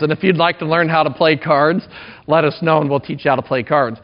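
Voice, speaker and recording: A man in his thirties preaching a sermon in a conversational, self-deprecating way. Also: mid-range voice. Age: 30s. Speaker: pastor. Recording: dull lo-fi recording.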